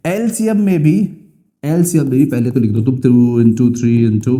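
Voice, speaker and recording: A man's voice: mid-range voice, measured pace, mellow. A young man with an Indian English accent teaching a school math lesson, repeating key phrases and asking and answering his own questions.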